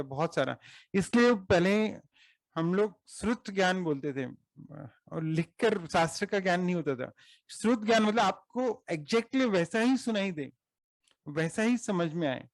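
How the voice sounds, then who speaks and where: A man with an Indian accent giving an earnest explanatory talk to a study group, working through his points slowly and asking questions he then answers. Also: fairly high pitch, creaky, no room sound. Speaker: speaker at a study circle meeting.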